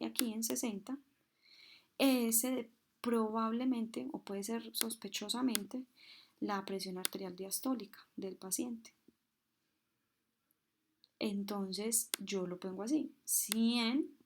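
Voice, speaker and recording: A woman's voice: on the high side, a little hiss or hum. A woman instructor explaining a medical procedure, mimicking heartbeat sounds and answering her own questions. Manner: asks questions and answers them herself.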